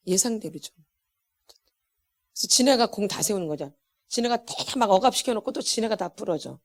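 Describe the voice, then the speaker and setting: A middle-aged woman teaching a church healing class, with an animated, emphatic delivery that repeats words for stress and laughs between lines. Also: medium pitch. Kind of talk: church lecture.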